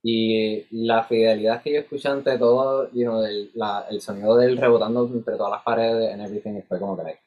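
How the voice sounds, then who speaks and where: A man with a husky voice tells stories casually in Spanglish, switching between Spanish and English and acting out dialogue. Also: fairly low pitch, a little fast, few pauses, phone-quality sound. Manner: animated filler-heavy storytelling with re-enacted dialogue. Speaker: musician in a band.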